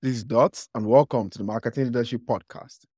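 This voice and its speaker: A man's voice: mid-range voice, a little fast, warm tone, no echo. A man hosting a podcast, upbeat and casual, with filler words as he asks questions. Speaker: podcast host. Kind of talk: casual interview talk.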